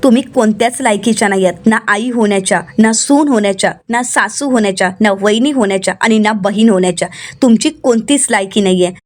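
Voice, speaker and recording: A woman voicing an angry young wife who slowly and firmly scolds her in-law. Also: medium pitch, lightly acted. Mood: indignant.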